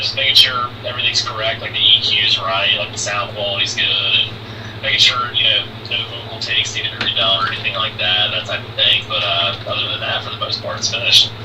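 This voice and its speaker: A man calling in over a speakerphone as a musician guest, chatting in an easygoing way full of fillers. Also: on the low side. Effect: heard over a speakerphone. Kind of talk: casual chat. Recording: distant echoey speakerphone with noise.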